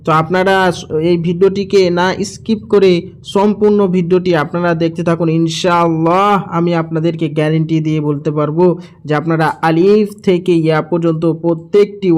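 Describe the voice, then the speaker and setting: A man's voice: high voice, a little mellow. A man teaching how to pronounce each Arabic letter, repeating each sound several times. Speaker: Quran recitation teacher. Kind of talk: slow instructional lesson.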